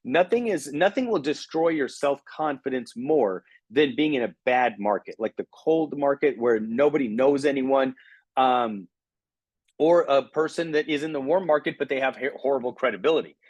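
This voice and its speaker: Middle-aged guy coaching a sales team, husky voice, dead dry sound, keeps asking okay?. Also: mid-range voice, moderate pace, no echo, highs cut off. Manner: energetic, coaching, frequent "okay?" check-ins. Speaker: recruiting trainer. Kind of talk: motivational training talk.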